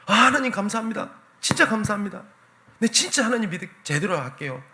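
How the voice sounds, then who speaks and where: A man voicing a panicked young man who hangs from a branch and pleads loudly for help. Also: high-pitched, very animated, quick pace, pitched above the performer's own voice, full character voice. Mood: relieved. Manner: pleading, frantic, raised voice.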